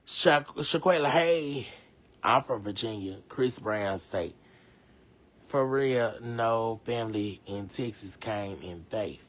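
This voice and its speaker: A man casually reading viewer comments aloud on a live stream, chatty and slangy, reacting loudly and laughing. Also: on the low side, expressive, slow pace.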